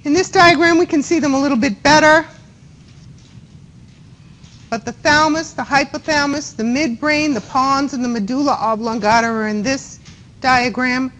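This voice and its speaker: A woman's voice: high-pitched, normal speed, fairly bright tone, rough recording. A woman with a Boston accent giving a classroom anatomy lecture, chatty and often checking in with students by asking them questions. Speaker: anatomy instructor.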